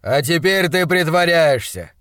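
A man voicing a brusque, excitable middle-aged scientist in an audiobook, speaking loudly and emphatically in a hoarse voice. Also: a little high, unhurried, no echo, clean studio sound, pitched above the performer's own voice. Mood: coaxing. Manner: loud, emphatic, hectoring. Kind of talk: audiobook character voice.

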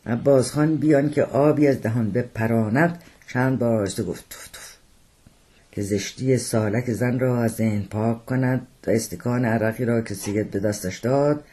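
Husky male author reading his own novel, measured audiobook narration. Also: lowish voice, mellow.

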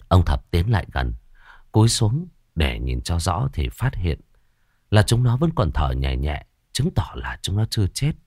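A man with a very deep voice narrates a ghost story, dramatic and suspenseful, with slow pauses. His pitch rises and falls in lively swings. The sound is close-miked and dry. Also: no room sound.

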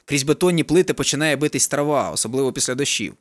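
A man reading a novel aloud in a wry, deadpan manner, with casual swearing. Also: mid-range voice, fast, no room sound. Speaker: reader. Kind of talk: audiobook narration of a novel.

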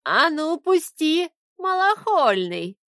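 A woman voicing a fierce, feisty old grandmother witch who scolds in a shrill voice. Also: sing-song, slow pace, a bit bright, no echo, clean studio sound, full character voice. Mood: scolding.

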